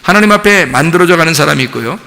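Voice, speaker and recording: A male pastor preaches in a church sanctuary, his voice gravelly and sharply forceful, a little higher than most men. The sound rings with the long reverb of a large hall. He talks to the congregation in an animated, conversational way and acts out short scenes. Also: racing. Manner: animated preaching, acting out a parent and child with laughs. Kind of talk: sermon.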